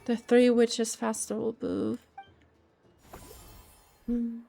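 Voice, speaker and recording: High-voiced woman musing through a game. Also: monotone, extremely slow, vocal fry, dark tone. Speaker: streamer. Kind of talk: casual game reaction commentary. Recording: game music behind the voice.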